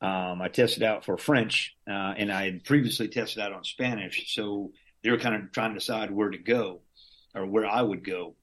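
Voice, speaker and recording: A fairly low, fairly bright voice with even intonation comes from a middle-aged man from Southern Louisiana, speaking at a moderate pace. He's a Green Beret veteran telling conversational stories as an interview guest, rambling and frequently restarting and laughing.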